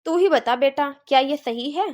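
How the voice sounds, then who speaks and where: A woman's voice: high voice, moderate pace, darkish tone, muffled recording, natural voice. A woman voicing a bossy, complaining middle-aged mother-in-law in a cartoon, nagging and scolding.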